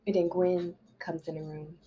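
This book summary vlogger has a fairly low pitch and a flat delivery at normal speed as she casually walks through a novel's plot. Her rambling is packed with fillers such as "like" and "you know." The audio has its highs cut off and slight background noise.

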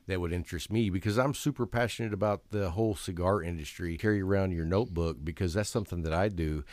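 A man's voice: deep voice, fast, a little mellow, dry recording. A man hosting a cigar podcast, chatting enthusiastically and at length with his guest. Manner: enthusiastic, wordy, keeps returning to passion. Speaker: cigar show host. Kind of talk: casual podcast interview.

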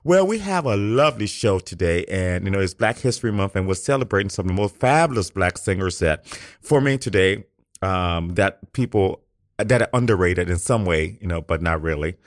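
A man's voice: low voice, animated, moderate pace, dry recording. A man hosting a casual radio talk show in a studio, sassy and playful and full of drawled endearments.

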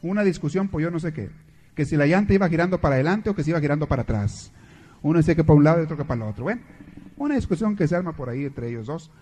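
A man's voice: fairly high pitch, expressive, racing, mellow. A man, a priest giving a sermon in a storytelling, joking manner.

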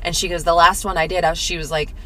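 A woman's voice: lowish voice, flat delivery, quick pace, sharp tone, low-quality recording. A young woman co-hosting a podcast, casually retelling a story and quoting people in their own voices. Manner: laughs easily, retells stories in quoted voices. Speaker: podcast co-host. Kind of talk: casual chat.

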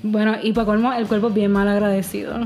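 A woman's voice: medium pitch, level tone, quick pace, darkish tone, soft background music. A thirty-year-old woman with a Puerto Rican Caribbean Spanish accent, chatting casually and slangily with English words mixed in. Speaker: podcast guest. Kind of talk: casual chat.

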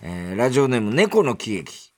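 A man's voice: mid-range voice, big pitch swings, moderate pace, darkish tone, a little hiss or hum. A man hosting a radio show, reading listener mail aloud and chatting in a playful, teasing way. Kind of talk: casual radio chat.

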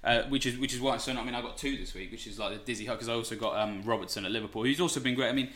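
A man's voice: medium pitch, rapid-fire, a bit bright, reverberant. A man co-hosting a podcast, chatting casually and rambling, with lots of fillers and restarts. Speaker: podcast co-host. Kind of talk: casual podcast chat about fantasy football.

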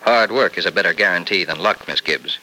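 A blunt older doctor. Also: male voice, low voice, brisk, sharp tone, slight background noise, poor audio. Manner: blunt, matter-of-fact, chuckling. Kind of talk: 1940s radio acting.

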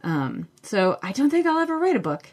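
A woman hosts a casual solo book podcast, answering listener questions in a high-sitting voice with big pitch swings at a moderate pace. She's chatty and enthusiastic, with plenty of fillers.

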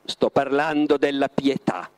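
A man reading aloud and voicing a suave, mocking male devil who speaks slowly and ironically. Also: medium pitch, clean tone, lightly acted. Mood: solemn. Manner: slow, drawn-out, ironic delivery.

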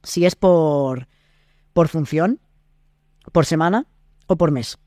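Man, high voice, Spain Spanish accent, dry close sound, animated explaining, podcast guest. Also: slow pace, no echo. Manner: animated explainer, acts out quoted dialogues. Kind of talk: casual interview chat.

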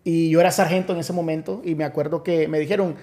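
A man's voice: fairly high pitch, steady tone, fast talker, mellow. A man in his forties, a pastor invited as guest, affirming often and recounting events at length in a casual interview.

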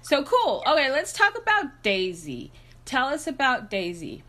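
A woman's voice: high-pitched, huge pitch swings, a little slow, bright, forceful tone. A woman hosting a podcast over a video call, upbeat and bubbly, with lots of fillers as she talks. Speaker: podcast host. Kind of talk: casual interview chat.

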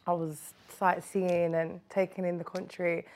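A woman's voice: lowish voice, little pitch movement, unhurried, darkish tone, a little hiss or hum. A woman from Birmingham with a local accent, talking casually and in slang as an interview guest. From Birmingham, England. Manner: slangy, informal. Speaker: music artist being interviewed. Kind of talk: casual chat and personal storytelling.

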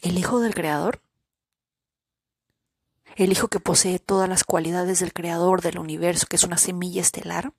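A woman hosting a spiritual podcast, speaking slowly and deliberately and pressing her listeners with repeated rhetorical questions, at times dropping to a whisper. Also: on the low side, level tone, creaky, slightly rough, no room sound. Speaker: podcast host. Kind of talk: reflective spiritual monologue.

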